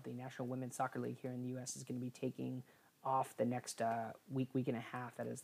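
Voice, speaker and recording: A woman co-hosting a casual sports podcast, rambling through a news roundup with frequent filler pauses and self-corrections. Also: rumbling low, dark tone. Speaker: podcast co-host.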